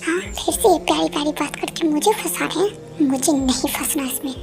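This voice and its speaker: A sulky, accusing young woman , as a woman acts her out in a fan audio drama. Her voice is very high and gravelly, with music running behind it. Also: brisk. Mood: angry. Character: angry, jealous young woman who feels abandoned.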